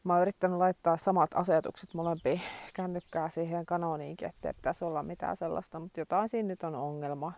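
A woman in her forties talks casually to her phone camera around her countryside home, thinking aloud and filling pauses as she goes. Her voice sits fairly low and sounds dry and close, with little room around it. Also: steady tone, darkish tone, no room sound. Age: 40s. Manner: chatty, thinks aloud with many fillers. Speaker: vlogger. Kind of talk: casual vlog chat. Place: rural home and yard.

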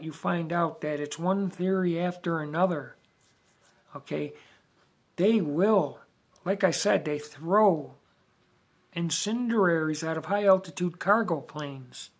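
A man delivering an emphatic, preachy monologue, slowing down to stress his points, recorded on a phone in a dim room at home. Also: a little high, breathy edge. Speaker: video monologuist.

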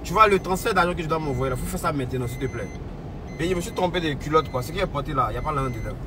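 A man's voice: a little high, rapid-fire, natural voice. A man playing a brash young passenger with an Ivorian accent. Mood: pleading. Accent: Ivorian French. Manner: defiant, brash, keeps telling others to calm down. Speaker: taxi passenger. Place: inside a car in traffic. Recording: street traffic noise in a car.

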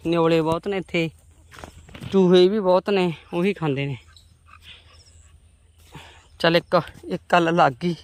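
Strolling outdoors among her farm's vegetable plots, a vlogger with a lowish voice and a darkish tone talks to her viewers in a homely, casual way.

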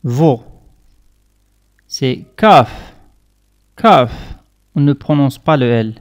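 A man teaches a vocabulary lesson at a very slow, measured pace. His voice sits in an ordinary middle register. He says each word deliberately and loudly, then repeats it for the listener. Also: medium pitch. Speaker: English teacher.

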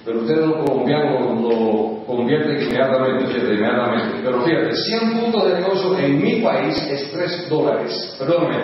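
A man's voice: medium pitch, expressive, moderate pace, hardly any pauses, slight background noise. A man in his sixties from the United States giving a sales seminar talk, emphatic and coaxing, pressing his point to the audience again and again. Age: 60s. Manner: emphatic, coaxing, keeps saying "look". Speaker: business opportunity speaker. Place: large hall. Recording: echoey hall, dull sound, from far off.

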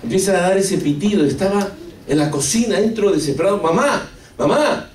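A preacher from Argentina with an Argentine Spanish accent gives an emotional testimony during a sermon, often calling his listeners "brother" and posing rhetorical questions to the audience. His voice is high-pitched and darkish, and he talks fast. The mic is far away in an echoey room, with slight background noise.

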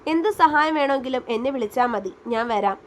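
A woman's voice: high voice, expressive, moderate pace. A woman voicing an arrogant, mocking young man in a spoken romance story. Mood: apologetic. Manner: sneering, taunting.

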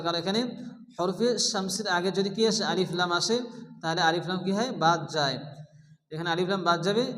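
A man teaching Quran recitation step by step, who asks questions, answers them himself, and recites slowly in a chanting tone. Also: high-pitched, a bit bright, long reverb tail, poor audio. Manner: explains rules, then recites slowly in a chanting tone.

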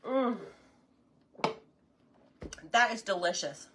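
A woman's voice: on the high side, expressive, extremely slow, sharp tone. A woman, chatting casually on a live cooking stream while eating, enthusiastic and sometimes talking with her mouth full.

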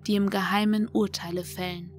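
A woman narrates a first-person horror audiobook in a scripted, measured reading. Her voice stays flat and level, barely rising or falling. Faint music plays behind her. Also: medium pitch.

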